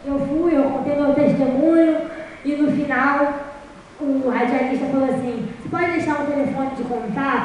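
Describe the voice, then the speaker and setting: A woman giving a sermon testimony, telling her story lively and acting out the dialogue, recorded in a church. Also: high-pitched, slight background noise. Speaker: guest preacher. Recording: echoey church hall from far off.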